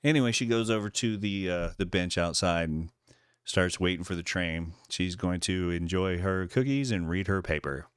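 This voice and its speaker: A man's voice: low-pitched, moderate pace, clean tone, no echo, clean studio sound. A man who composes film music, casually talking through the story of a short film and voicing the character's thoughts in playful quotes. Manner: narrates the woman's thoughts in playful quoted voices, laughing often. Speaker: composer breaking down his film score.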